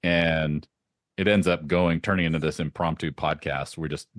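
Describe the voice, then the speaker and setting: A man being interviewed as a podcast guest, telling lively anecdotes and laughing often. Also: rumbling low, moderate pace, no echo, studio quality. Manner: animated anecdotes with frequent laughs. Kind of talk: casual interview storytelling.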